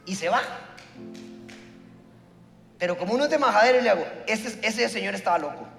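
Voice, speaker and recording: A pastor preaching a sermon, telling a story and acting out the dialogue. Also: male voice, sits high, lively intonation, a little fast, vocal fry, fairly bright tone, echoey room, big-room sound, faint music behind.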